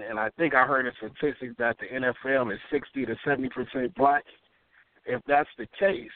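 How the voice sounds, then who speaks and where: A man's voice: medium pitch, dry recording. A man calling into a sports talk show over the phone, rambling and repeating words as he searches for his point. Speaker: caller. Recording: tinny dry phone line.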